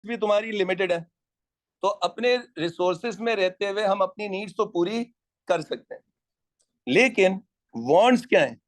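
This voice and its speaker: High-voiced man lecturing a class. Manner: teasing asides to latecomers, quizzing students. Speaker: economics teacher. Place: classroom with students.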